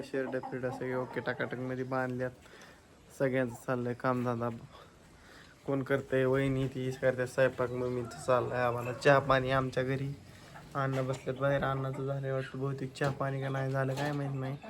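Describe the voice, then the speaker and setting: Chatty man, flat voice. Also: mid-range voice. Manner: chatty and rambling, addresses viewers as friends. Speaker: vlogger. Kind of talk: casual vlog chat to camera. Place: outdoors on a farm at dusk. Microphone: phone camera. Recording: outdoor phone audio with clear background noise.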